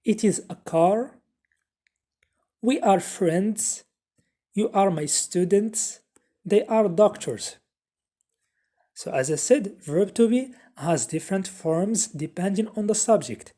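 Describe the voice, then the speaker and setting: A woman with as her teaches a beginner English grammar lesson. Her voice is dark and soft, with a husky edge. She moves steadily and repeats each example sentence. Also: medium pitch. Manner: slow, repeats example sentences with Arabic translations.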